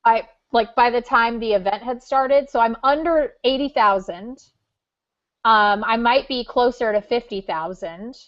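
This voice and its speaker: A chatty woman from California talks casually on a podcast after-show, her voice sitting a little high. She tells stories in an animated way, full of fillers. The audio is slightly dull and lo-fi. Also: measured pace. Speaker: podcast co-host.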